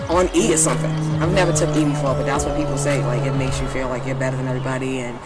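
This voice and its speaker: A woman's voice: rumbling low, flat delivery, racing. A woman singer talking candidly in an interview, rambling and swearing, with lots of "like". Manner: rambling, profane, full of "like". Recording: music playing under the voice.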